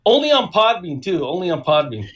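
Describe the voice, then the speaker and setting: Give me a man calling in from a parked car over a Bluetooth headset, the phone on the console serving as the microphone, his voice muffled and animated and full of swearing. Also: sits high, a little fast. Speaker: podcast guest calling in. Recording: distant muffled phone mic.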